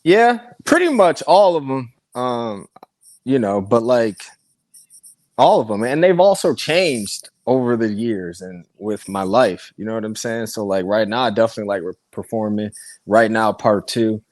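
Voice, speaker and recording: Man, musician guest, laid-back candid chat, lowish voice, dry sound. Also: animated, measured pace, darkish tone, dry recording. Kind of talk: casual interview chat.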